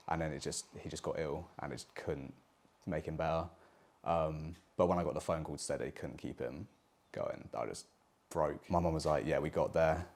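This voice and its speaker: A man in his twenties speaking haltingly and emotionally in an interview. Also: very deep voice, gravelly, darkish tone. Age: 20s. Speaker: sports business student. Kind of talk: personal interview testimony.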